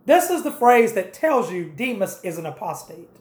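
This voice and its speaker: A woman's voice: mid-range voice, sing-song, moderate pace, echoey room. A woman preaching a sermon, directing listeners through scripture passages and explaining them step by step.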